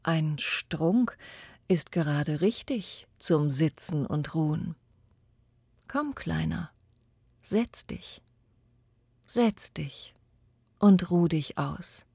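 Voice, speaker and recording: A gentle, giving apple tree from a storybook, as a woman reader puts it on, coaxing the boy it loves in soft, husky tones. The delivery is unhurried and close, with no room around it. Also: sits low, animated, no room sound, full character voice. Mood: faint tender. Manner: eager and coaxing, later faint and whispery. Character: loving, selfless old apple tree.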